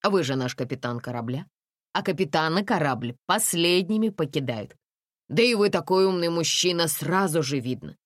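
A woman's voice: deep voice, lively intonation, a little slow, no echo. A woman voicing a stern, no-nonsense middle-aged mother who talks in a dry, commanding way.

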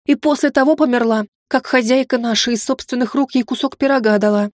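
A woman's voice: a little high, fairly quick, dry recording, clean studio sound, natural voice. A woman reading an audiobook voices a sly, tearful middle-aged maid who speaks in a folksy, old-fashioned, plaintive way.

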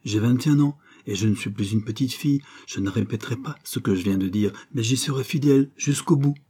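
A man's voice: mid-range voice, brisk, warm tone, breathy edge, lightly acted. A man voicing a sincere young woman of twenty-one in an audiobook of a novel, speaking firmly and from the heart. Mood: earnest. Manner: firm, heartfelt and earnest.

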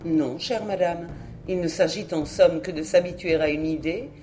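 A woman voicing a kindly middle-aged male doctor who speaks in a measured, reassuring, good-natured way in an audiobook. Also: fairly low pitch, steady tone, mellow, soft background music, pitched below the performer's own voice, natural voice.

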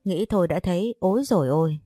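A brash, talkative young woman teases her friend and scolds her bluntly, as a woman narrator voices her. The tone is low and warm, recorded close and dry, with faint music behind. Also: fast, dry recording, lightly acted. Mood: teasing.

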